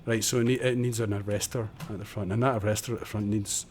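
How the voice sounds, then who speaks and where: Man, low mellow voice, muttering game-stream chatter, faint hiss behind. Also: fairly even intonation, fast. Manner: chatty, muttering while building, self-deprecating. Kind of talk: casual live-stream tutorial commentary. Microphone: desk condenser microphone.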